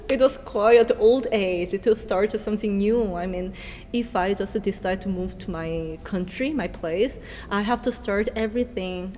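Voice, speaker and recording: A woman in her thirties from South Korea, a dancer speaking in English with a Korean accent, answering interview questions earnestly in halting non-native phrasing. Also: mid-range voice, warm tone. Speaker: dancer and choreographer. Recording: reverberant room with faint noise.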